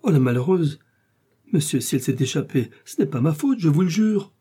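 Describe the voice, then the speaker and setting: A man's voice: expressive, brisk, mellow, husky. A man voicing a frightened, anxious middle-aged shopkeeper who pleads and protests in a storybook reading. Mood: pleading. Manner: pleading, protesting, rising pitch.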